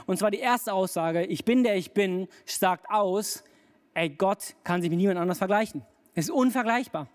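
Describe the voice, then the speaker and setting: This is a preacher delivering a relaxed sermon in a conversational register, speaking straight to the listener. Key phrases come round again and again for emphasis, and the middle-range voice stays easygoing throughout. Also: medium pitch, normal speed. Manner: colloquial, direct address to listeners. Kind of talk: casual sermon.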